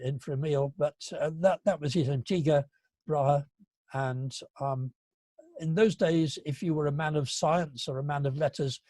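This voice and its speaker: Older guy in his 70s giving a slide talk, husky voice, dry close sound, lots of ums and restarts. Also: medium pitch, no echo. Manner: halting, with frequent fillers and restarts; dry, gentle humour. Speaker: guest speaker at an astronomy club. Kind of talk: illustrated lecture to a club.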